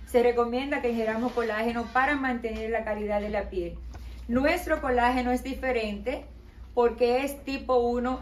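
A middle-aged Dominican woman with a somewhat high voice presents her skincare line in a measured promotional tone. She is heard from a distance in a small room with a noticeable echo. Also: slight background noise. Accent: Dominican Spanish. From Dominican Republic. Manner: explanatory, promotional, steady with some hesitation fillers. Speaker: skincare company owner, interview guest. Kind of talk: product presentation in an interview. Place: small decorated showroom with balloons, indoors. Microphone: camera at a distance.

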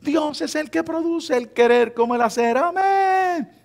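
Man, Puerto Rican accent, pastor's sermon, high voice, chatty preaching style. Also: lively intonation, unhurried, creaky, a little mellow. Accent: Puerto Rican Spanish. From Puerto Rico. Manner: conversational preaching, teasing the congregation, acting out quoted believers.

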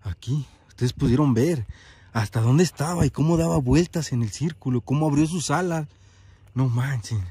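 A man with a very husky, breathy voice, speaking at an ordinary pitch. He is outdoors, narrating a paranormal vlog and nervously repeating short exclamations. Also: moderate pace, mellow, no room sound. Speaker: paranormal investigator.

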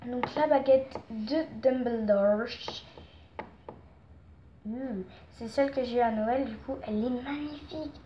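A woman vlogger chatting casually and excitedly as she shows off her collection, rambling with fillers and gushing over each item. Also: on the high side, unhurried. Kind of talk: casual show-and-tell chat. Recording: dull lo-fi sound with faint noise.

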